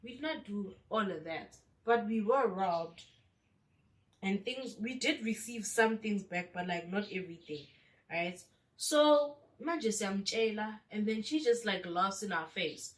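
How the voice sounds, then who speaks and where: A woman's voice: mid-range voice, lively intonation, measured pace, far from the mic. A woman with a South African accent telling a casual storytime vlog, chatty and mixing in local slang. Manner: chatty, mixes local slang into her speech. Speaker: vlogger.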